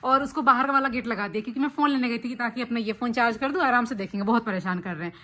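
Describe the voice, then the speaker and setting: A woman's voice: fairly high pitch, rapid-fire, pushed and bright. A young woman and mother chatting casually in a home vlog while coaxing and scolding her small children. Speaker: vlogger and mother.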